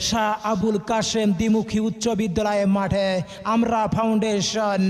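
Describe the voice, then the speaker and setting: Man announcing through a loudspeaker, echoing. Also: sits high, little pitch movement, moderate pace. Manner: chanting, rhythmic, repeats key phrases. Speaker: event announcer. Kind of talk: sing-song loudspeaker miking announcement.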